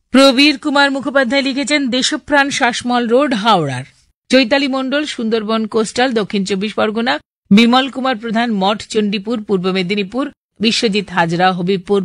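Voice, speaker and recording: A woman's voice: on the high side, a bit bright, no room sound, clean studio sound. Woman radio presenter reading listeners' letters.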